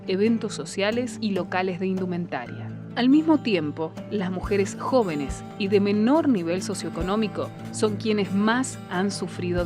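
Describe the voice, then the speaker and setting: Woman narrating a report over music. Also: medium pitch.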